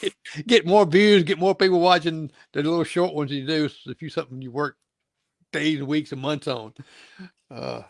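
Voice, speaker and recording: This male talk show host meanders through a casual chat with a guest, folksy and repetitive, returning to phrases he has already used. He speaks on the high side at a moderate pace with a steady tone and some vocal fry, captured in a dry, close recording.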